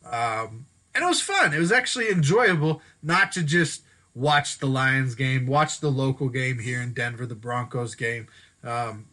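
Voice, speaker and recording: A man's voice: medium pitch, animated, measured pace, bright, forceful tone. A man hosting a solo sports show in a casual, chatty way, sometimes stopping to correct himself. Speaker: sports podcast host. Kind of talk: solo sports commentary talk. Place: Denver.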